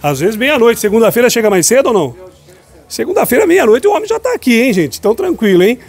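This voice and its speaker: A man's voice: very high voice, sing-song, fast talker, breathy edge. A man walking through an outdoor night market, chatting upbeat to viewers while filming on a handheld phone. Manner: upbeat, chatty, keeps addressing viewers as "gente". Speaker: shopping vlogger touring a street market. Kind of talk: walking market vlog with vendor chat. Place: outdoor night street market, busy city street. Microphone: handheld phone camera.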